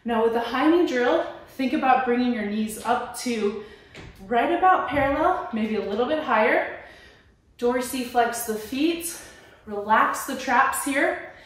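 A woman trainer leads a home workout, cheering the viewer on as she moves through each exercise. She speaks slowly in a slightly high voice. She stands well away from the camera in a small, very echoey room. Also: animated. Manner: encouraging, coaching while moving. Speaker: fitness trainer. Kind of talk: workout instruction. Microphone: camera at a distance. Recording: very echoey room, far from mic.

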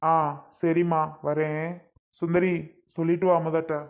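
A fond, coaxing elder brother from a cartoon, voiced by a woman. The voice sits low for a woman and slips into gentle baby talk. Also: level tone, a little slow, muffled recording. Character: caring adult man, a doting elder brother. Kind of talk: cartoon voice acting.

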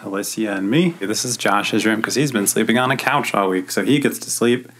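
A woman's voice: rumbling low, a little fast. A woman narrating a casual road-trip vlog with chatty, wry asides. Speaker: vlogger.

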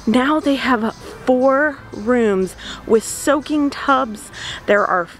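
A woman in her thirties, a travel vlogger, talking excitedly outdoors and interviewing a guest, bubbly and quick to laugh. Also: sits high, faint music behind. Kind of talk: enthusiastic travel vlog and interview. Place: outdoors on a sailing ship's deck and inn garden.

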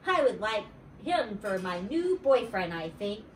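A woman's voice: medium pitch, big pitch swings, unhurried, far from the mic, a little hiss or hum. A woman voicing a bold, chatty little kindergarten girl who talks in bouncy, ungrammatical kid speech. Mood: eager. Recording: roomy, away from the mic.

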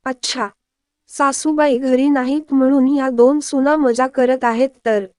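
A woman's voice: high voice, steady tone, darkish tone, dry recording, studio quality. Woman voicing cheeky young man Ranjan. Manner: teasing, quick to flare up.

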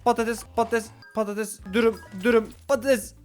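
A man giving hurried, excitable commentary while playing a restaurant game, talking to customers on screen. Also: very high-pitched, faint music behind. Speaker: gaming YouTuber. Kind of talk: casual gameplay commentary.

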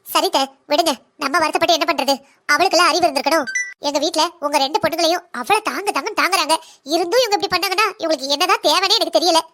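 Woman voicing a sharp-tongued young daughter-in-law. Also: extremely high pitch. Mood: defiant. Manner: fast, blunt and lecturing. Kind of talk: cartoon drama voice acting.

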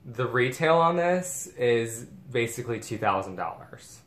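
A man's voice: mid-range voice, expressive, a little slow, fairly bright tone. A man chatting casually as a vlogger, gushing and chatty as he shows off bags. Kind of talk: casual unboxing chat. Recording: echoey room with faint background noise.

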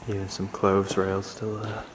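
A man giving casual, low-key commentary while walking through a large abandoned shopping centre, thinking aloud with pauses. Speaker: urban explorer. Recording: steady background noise.

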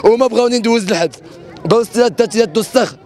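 A man's voice: extremely high pitch, racing, a little mellow. A distressed young Moroccan man giving a street interview, agitated and close to crying, insistently repeating his words. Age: young adult. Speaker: aggrieved interviewee. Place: outdoors in a crowd on a street. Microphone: handheld reporter's microphone. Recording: outdoor street with crowd noise.

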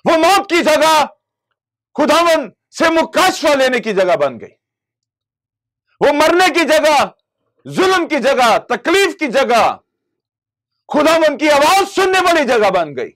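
High-pitched impassioned male TV preacher. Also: very animated, slow pace, long pauses, a bit bright. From Pakistan. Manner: impassioned preaching with rising and falling emphasis; gestures constantly with both hands. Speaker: pastor. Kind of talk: televised sermon. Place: TV studio. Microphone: lapel mic.

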